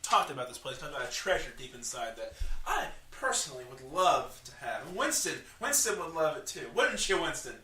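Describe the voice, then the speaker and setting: Brief: man putting on an excitable rambling gnome, bright voice, roomy off-mic sound. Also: fairly high pitch, brisk, distant mic. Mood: scheming. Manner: excitable, rambling, barks at his pet. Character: eccentric male gnome boss, scatterbrained. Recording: echoey room, off-mic.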